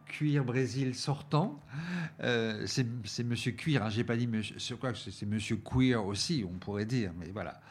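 A man talks through a film selection at an unhurried pace. His voice sits at an ordinary middle pitch, and he keeps stopping to search for words. The hesitant, filler-heavy delivery sounds like casual review chat. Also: darkish tone. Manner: hesitant, many fillers and restarts. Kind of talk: radio-style review chat.

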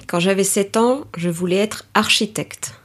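This middle-aged executive coach grew up in Paris, France, in a Greek family, and she answers thoughtfully and articulately as a guest in a reflective interview. Her medium-pitched voice is unhurried and fairly bright. Soft music plays in the background.

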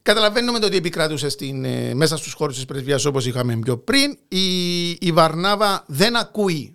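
Higher-voiced Cypriot Greek man, halting storyteller. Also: very animated, creaky, a bit bright. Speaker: podcast co-host narrating history. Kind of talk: conversational storytelling.

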